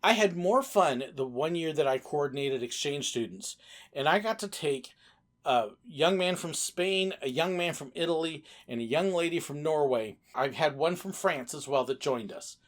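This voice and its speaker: Woman telling casual, animated anecdotes. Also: low voice, normal speed. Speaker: former theme park entertainer.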